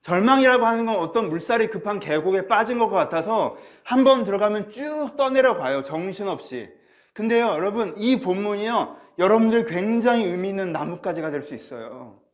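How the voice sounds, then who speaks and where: Fairly quick and high-pitched, with lively intonation, a male pastor preaches to his congregation online while wearing a face mask that slightly muffles his words. He turns to listeners with direct questions and acts out what's going on in their heads.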